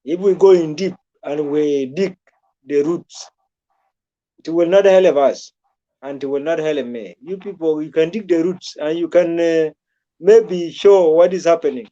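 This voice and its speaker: A man's voice: a little high, unhurried, warm tone, lo-fi sound. A man from South Sudan giving rambling, repetitive political commentary in a casual talk, with frequent restarts.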